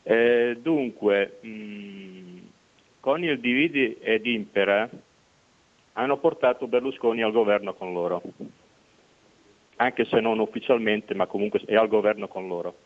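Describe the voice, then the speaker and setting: A man's voice: on the low side, a little slow, creaky. A man calling in to a radio show over the phone, making his case insistently and repeating his points. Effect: voice heard over a phone line. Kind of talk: call-in political opinion. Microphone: telephone. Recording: tinny phone line.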